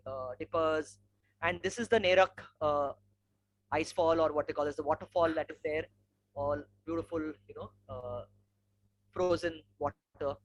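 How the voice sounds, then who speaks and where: Higher-voiced man with an educated Indian English accent. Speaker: webinar speaker, environmental educator and trek leader. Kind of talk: informal slide presentation with anecdotes. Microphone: online webinar microphone. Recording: clearly noisy webinar audio with hum.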